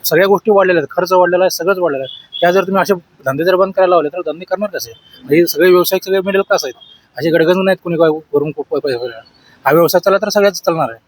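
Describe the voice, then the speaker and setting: Rapid, exasperated shopkeeper, man. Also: high voice, no room sound, low-quality recording. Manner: rushed, exasperated. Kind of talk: street interview.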